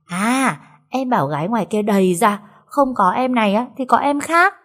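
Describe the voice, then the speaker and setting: A woman voicing a cheeky, dramatic young maid girl in a storybook reading, high-pitched and pleading. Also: expressive, normal speed, a bit bright. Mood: whiny pleading.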